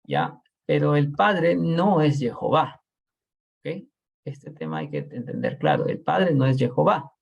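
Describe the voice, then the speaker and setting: Gravelly husky man teaching a Bible class. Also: a little high, very animated, a little slow, lo-fi sound. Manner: explanatory, often checks in with "¿no?" and "¿ok?".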